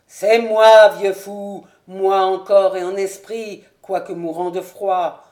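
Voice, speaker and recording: A woman's voice: mid-range voice, little pitch movement, slow pace, warm tone, lightly acted. A woman voicing a proud, weary young lord who speaks curtly in an audiobook. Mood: grave.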